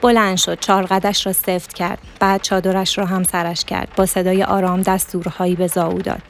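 A woman reading a literary story aloud as narrator, in a steady, measured manner. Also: on the low side, slight background noise.

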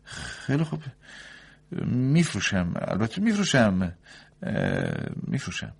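A man voicing a nervous, fussy young doctor in a read-aloud story, his voice pushed high and loud in eager bursts. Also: wildly swooping pitch, creaky, breathy edge, full character voice. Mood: agitated. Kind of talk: audiobook story reading.

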